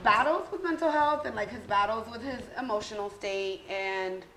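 A woman's voice: a little high, moderate pace, a bit bright, echoey room, slight background noise, low-quality recording. A woman in her thirties hosting a casual group podcast chat in a candid, joking, unfiltered way. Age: 30s. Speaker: podcast host.

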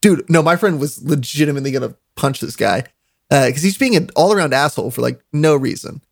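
Young male streamer, casual storyteller, raised pitch, dry close sound, profane and giggly. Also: fast talker, creaky, no room sound. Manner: laughing, profane, filler-heavy storytelling.

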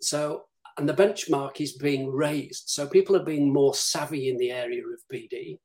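A man's voice: mid-range voice, moderate pace, a little mellow. Emphatic man giving business advice. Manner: emphatic, advisory, acts out quoted clients. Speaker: guest, business development director. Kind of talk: live-streamed interview talk.

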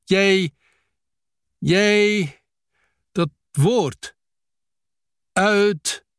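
A man's voice: high-pitched, drawn-out words, fairly bright tone, clear, resonant tone, no echo, studio quality, heavily acted. A man reading a novel aloud, voicing a fierce Brazilian widow who speaks blunt, broken Dutch. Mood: prickly. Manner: blunt, clipped broken grammar.

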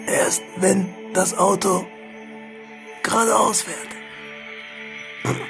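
A pained, slow male ad voice, as a man puts it on, high and gravelly, groaning out each word as if pushing hard. Relaxing music plays clearly in the background. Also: steady tone, exaggerated voice. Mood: strained. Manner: drawn-out, straining as if pushing. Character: strained adult male car-ad voice, slow and pained. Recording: relaxing music playing behind.

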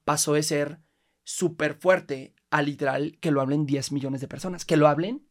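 A man with a Mexican Spanish accent, a podcast guest who tells his travel stories in a casual, animated way and acts out the voices in them. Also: fairly high pitch, normal speed. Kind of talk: casual storytelling chat.

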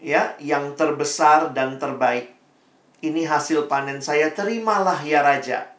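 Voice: medium pitch, unhurried, natural voice. A humble, eager carrot farmer pleads earnestly before his king, as a preacher puts him on during a sermon. The voice rings through an echoing room and sits some distance from the microphone. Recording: echoey room, voice far from mic.

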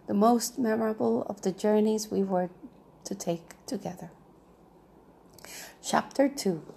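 A woman narrating a novel aloud in a measured, even reading style. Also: fairly high pitch, creaky, breathy edge. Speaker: audiobook reader.

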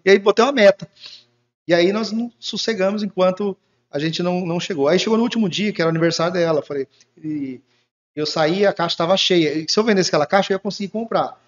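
A Brazilian entrepreneur appears as a guest in an interview, speaking fast in a high-sitting male voice. He tells his life story casually and acts out quoted dialogue. The recording is muffled and lo-fi.

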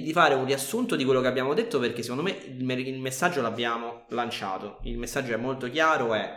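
A man's voice: medium pitch, a bit bright. A man co-hosting a podcast in casual chat, talking emphatically as he gestures. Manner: emphatic, gesticulating while talking. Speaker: podcast co-host. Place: room in a home. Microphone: podcast microphone at a table. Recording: roomy, echoey home recording.

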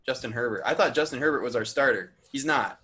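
A man co-hosting a casual podcast, relaxed and laughing between points. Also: mid-range voice, quick pace. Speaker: podcast co-host. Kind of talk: casual chat.

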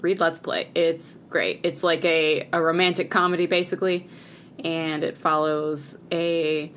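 A woman from chats eagerly on a podcast, sprinkling 'like' through every sentence. Her voice sits a little low for a woman. A faint noise runs under the recording. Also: level tone, a little slow, fairly bright tone. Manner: chatty and enthusiastic, heavy use of 'like'. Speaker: podcast co-host. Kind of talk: casual podcast chat.

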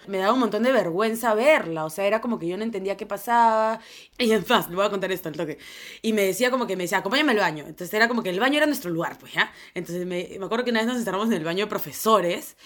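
A young woman with a Peruvian Spanish accent tells a story on a podcast. Her delivery is loose and casual, heavy on slang and filler words. Her voice sits at a middle pitch. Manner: rambling, slangy, full of fillers. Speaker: podcast co-host.

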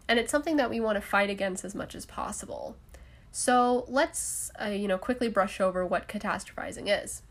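A woman's voice: medium pitch, a bit bright. A young adult woman hosting a solo podcast in a casual, chatty way, with frequent laughs and fillers. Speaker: podcast host.

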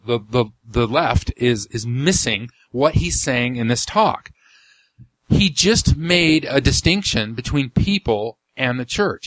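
A man's voice: mid-range voice, a bit bright, dry recording. Guy doing a podcast, blunt and snarky, lots of ums and restarts, dry sound. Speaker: podcast host. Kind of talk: casual commentary reading a talk.

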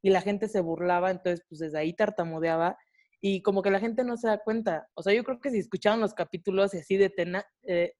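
A woman in her twenties with a Mexican Spanish accent, co-hosting a podcast and telling a personal story in a casual, animated way, full of fillers and slang. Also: mid-range voice, fairly quick. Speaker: podcast co-host.

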